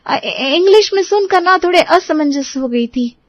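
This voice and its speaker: A woman's voice: extremely high pitch, lively intonation, moderate pace, no echo, lo-fi sound. A woman voicing a simple, earnest young village bride in a cartoon, who halts and stumbles over English words. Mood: apologetic.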